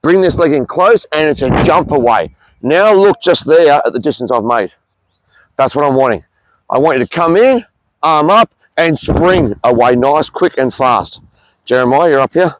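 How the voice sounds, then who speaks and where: A football coach runs players through drills on an open field, snapping short commands like "scan" and "go through" between calmer explanations. His voice sits fairly high for a man. Wind and outdoor noise come through clearly on the camera mic. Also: poor audio. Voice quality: brisk, clipped shouted commands between calm explanations. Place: outdoor sports field on a windy day.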